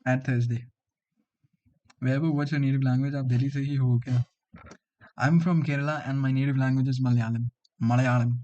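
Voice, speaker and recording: A student coder in his twenties from Delhi, with an Indian accent and Hindi as his mother tongue, hosts a livestream and chats with viewers in slangy banter, often saying "bro." His medium-pitched, steady, warm voice comes fast with frequent pauses, and the highs are cut off.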